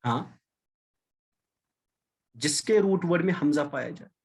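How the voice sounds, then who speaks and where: Guy teaching arabic on a zoom call, slow and patient, says things twice, drops in english words. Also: a little high, lively intonation, breathy edge. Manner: explains patiently, repeating key words, mixing in English. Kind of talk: online class lecture. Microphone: video call.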